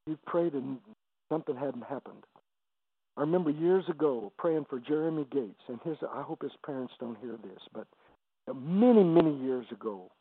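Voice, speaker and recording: Gravelly older man telling his testimony. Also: medium pitch. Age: 70s. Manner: halting, repeats words, gets emotional. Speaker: evangelist guest. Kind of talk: testimony storytelling on a radio interview. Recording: dry, phone-like radio line.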